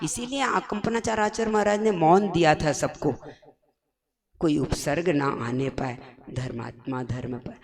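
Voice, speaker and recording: A woman, a Jain nun, giving a sermon, telling stories in slow, emphatic phrases. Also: low voice, darkish tone. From India.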